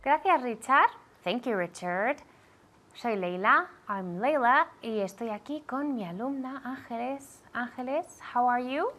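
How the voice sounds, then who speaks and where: A woman teaching a language lesson, drilling pronunciation clearly and checking in with her student often. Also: a little high, slow pace, a bit bright, soft background music. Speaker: English teacher.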